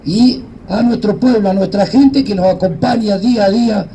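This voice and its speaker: Older man, Argentine accent, soft-toned timbre, emotional, solemn emphatic oratory, deliberate pauses, outdoor podium, noisy surroundings. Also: high-pitched. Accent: Argentine Spanish. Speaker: war veteran giving a speech. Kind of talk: ceremonial public speech. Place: outdoors in a yard before a small gathering. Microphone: microphone on a stand at a podium, PA speakers. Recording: outdoor PA speech with clear background noise.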